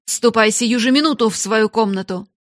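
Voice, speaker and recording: A woman doing a furious shouting schoolmistress. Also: on the high side, moderate pace, no echo, clean studio sound, close to an everyday voice. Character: harsh shrill adult schoolmistress.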